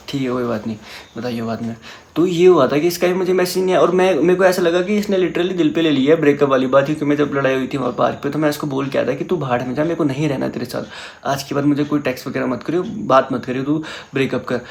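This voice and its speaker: A young man telling a personal story in casual chat, animated and mixing English words into his talk. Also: fairly high pitch, creaky. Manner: animated, mixes English into Hindi.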